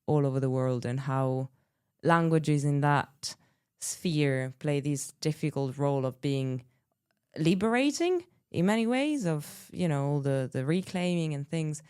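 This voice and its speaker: Woman, interviewer, dry close sound, measured, engaged, occasional fillers. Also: sits low, lively intonation, darkish tone, clean tone, dry recording. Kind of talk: conversational interview talk.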